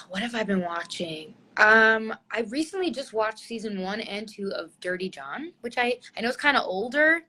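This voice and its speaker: A woman's voice: fairly high pitch, expressive, normal speed, hardly any pauses, pushed and bright. A young woman guesting on a casual livestream chat, effusive and giggly, with lots of filler "like". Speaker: guest singer.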